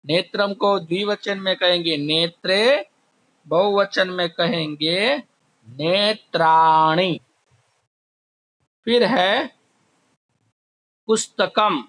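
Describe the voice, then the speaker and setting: A man teaching a class, slowly drilling word forms, asking questions and answering them himself. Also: high voice, fairly bright tone. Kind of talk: slow classroom explanation. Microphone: recorded while writing on a board.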